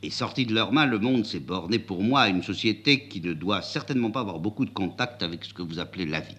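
A man's voice: fairly low pitch, expressive, fast talker, a bit bright. A man voicing a young aristocratic prince, haughty and formal, with stiff, ironic speech.

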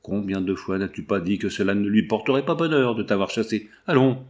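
A man's voice: lowish voice, brisk, darkish tone, lightly acted. A man voicing a cynical, brutal male foreman who gives orders and threats. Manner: cynical, commanding.

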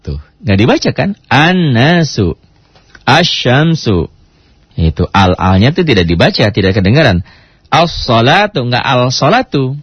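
A lower-voiced man gives a Quran reading lesson with a husky, rough edge to his voice. His delivery is animated, and he stretches out Arabic words slowly to demonstrate them. The recording is dry and dull, with a lo-fi sound. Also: dry recording. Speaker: Islamic teacher.

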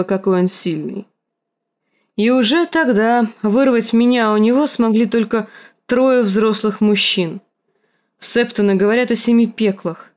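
A woman reading an audiobook, voicing a scarred, bitter, hulking male warrior with a rasping, gruff, slow and menacing delivery. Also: medium pitch, a little mellow, lightly acted.

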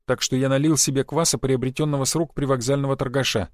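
Brief: male narrator, mid-pitched, reads a comic adventure in a wry tone, dead-dry booth. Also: fairly even intonation, fast talker, dry recording. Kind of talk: audiobook narration.

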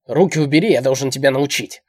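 Tyrannical old man, shouting, husky edge, done by a male reader. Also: mid-range voice, sing-song, normal speed. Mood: raging. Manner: shouting, bullying. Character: cruel domineering old man, barking orders.

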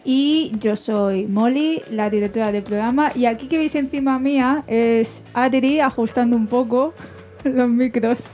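Mujer presentadora de pódcast, voz algo aguda. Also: female voice, a little high, unhurried, dark tone, faint music behind. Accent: Spanish from Alicante. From Spain. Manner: chatty, asks questions with frequent restarts. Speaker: podcast host. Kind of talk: casual podcast interview.

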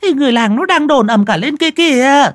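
A man voicing a village wife who excitedly spreads gossip to her husband in a high, shrill voice. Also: fairly quick, dry recording, clean studio sound.

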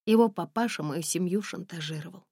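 A woman reading a stubborn young runaway bride who talks quickly and emphatically. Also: on the low side, warm tone, breathy edge, no echo, studio quality. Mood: bitter.

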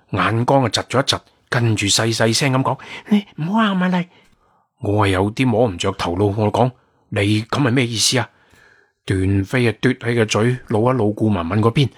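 A man narrating a first-person adventure novel in a measured, wry storytelling manner. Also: on the low side, slightly rough.

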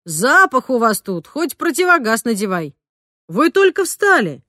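A woman reading the part of a brisk father who takes charge, in an audiobook, giving orders in short bursts. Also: a little high, sing-song, pushed and bright, no room sound, clean studio sound, full character voice. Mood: teasing. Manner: commanding, brisk.

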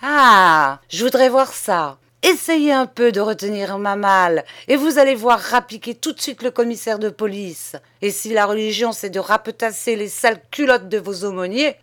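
A woman reading an audiobook, voicing a young chambermaid who rails at a nun with loud, mocking defiance. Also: a little high, dry recording, studio quality, close to an everyday voice.

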